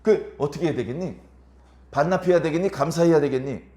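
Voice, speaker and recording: A man's voice: fairly high pitch, brisk, mellow. A male pastor preaching a Sunday sermon in a church, asking the congregation rhetorical questions and acting out quoted lines. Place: church sanctuary. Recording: echoey church room.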